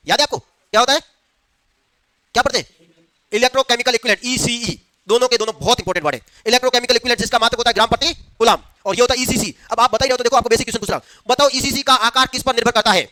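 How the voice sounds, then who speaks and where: A man's voice: very high voice, pushed and bright, no room sound. A male teacher giving a classroom lecture, asking the class questions and answering them himself. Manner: quizzes the class, answers his own questions.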